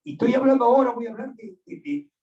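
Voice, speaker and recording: A man's voice: extremely high pitch, fairly even intonation, fast talker. A man preaching a sermon as pastor, emphatic and repeating his points, addressing listeners directly in an echoey church hall. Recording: echoey and distant, dull sound.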